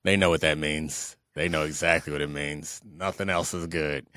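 A man's voice: extremely low pitch, steady tone, moderate pace, sharp tone, no echo, studio quality. A man co-hosting a sports podcast with wry, conversational casual commentary.

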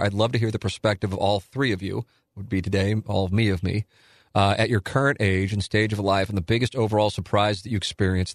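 A man's voice: on the low side, no room sound, clean studio sound. A man in his forties hosting a solo listener Q&A, talking in a candid, rambling, self-deprecating way. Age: 40s. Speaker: radio and podcast host.

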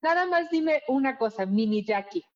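A woman's voice: on the high side, animated, moderate pace. A woman co-hosting a talk show, cheerful and coaxing with the children. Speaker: co-host. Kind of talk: casual TV chat. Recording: dull lo-fi audio.

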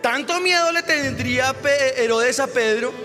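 A man preaching a sermon as a pastor, telling a personal story with animated delivery that rises to shouted exclamations. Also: very high voice, a little slow, big-room sound, faint music behind.

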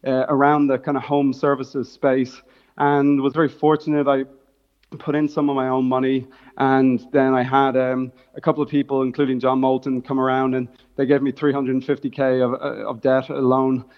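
A man's voice: mid-range voice, little pitch movement, normal speed, lo-fi sound. A man with a Dublin Irish accent, a startup founder giving explanatory, jargon-laden answers in a conversational business interview. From Dublin, Ireland.

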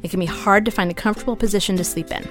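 A woman, a massage therapist, reading a calm, reassuring scripted introduction. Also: mid-range voice, racing, soft background music.

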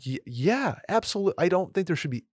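A man co-hosting a casual advice podcast, talking in a relaxed, agreeable way. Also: sits high, a little fast, husky, dry recording, studio quality. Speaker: podcast co-host.

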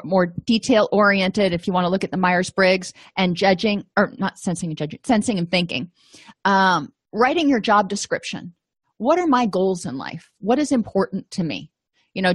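A middle-aged woman from Florida talks through a course lesson at a medium pitch. She is chatty and self-deprecating, with lots of easy asides. The recording is close and dry, with no room sound. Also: no echo. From Florida, USA. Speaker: counseling course instructor. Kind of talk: informal lecture.

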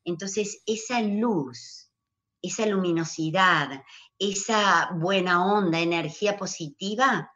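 A woman guest who leads workshops, calmly giving flowing, encouraging advice in conversation. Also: fairly low pitch, slow, lo-fi sound. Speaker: guest speaker, workshop leader.

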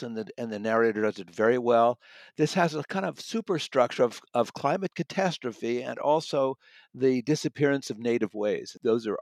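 A man appears as a guest book critic in a conversation, speaking somewhat haltingly and rephrasing, repeating words for emphasis. His voice is medium-pitched with vocal fry, and there's no echo.

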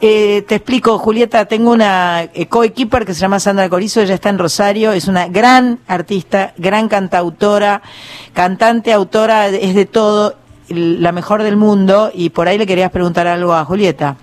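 A woman's voice: medium pitch, steady tone, normal speed. A woman with a Rioplatense Spanish accent hosting a radio talk show, chatting and praising her guest. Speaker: radio host. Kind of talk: casual radio chat.

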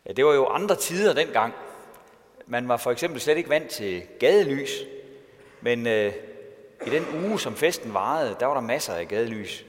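Lively-voiced male pastor preaching. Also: mid-range voice. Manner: expressive, storytelling delivery with rhetorical questions. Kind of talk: sermon. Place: church. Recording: long church reverb.

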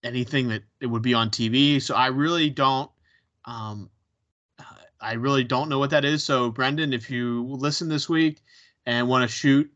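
Here a Pittsburgh-accented man co-hosts a podcast, rambling loosely through casual conversation with many ums and restarts. He talks at normal speed in a medium-pitched, fairly bright voice with fairly even intonation. The sound quality is dull and lo-fi.

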